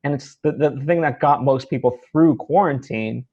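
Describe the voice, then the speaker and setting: A husky, medium-pitched man at normal speed hosts a casual interview, drifting through topics and checking in often with his guest. The sound is slightly dull and lo-fi.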